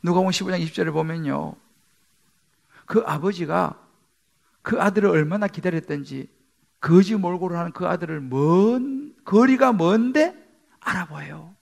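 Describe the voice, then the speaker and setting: Male pastor, sermon, high voice, gravelly texture, emphatic delivery, loud-to-hushed swings. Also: normal speed, long pauses. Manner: emphatic preaching with dramatic rises and hushed drops. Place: church sanctuary.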